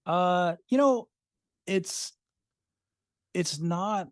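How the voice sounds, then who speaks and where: A middle-aged podcast creator from Washington State appears as a guest in a casual interview, speaking very slowly in a high, expressive voice. He sounds thoughtful and hesitant, with many fillers and restarts, and the studio-quality recording is clean with no room sound.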